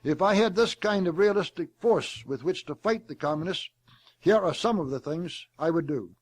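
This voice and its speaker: A man delivering a formal prepared speech in a deliberate, oratorical manner, reading it aloud and even saying the quotation marks. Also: sits high. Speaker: speaker delivering a prepared address.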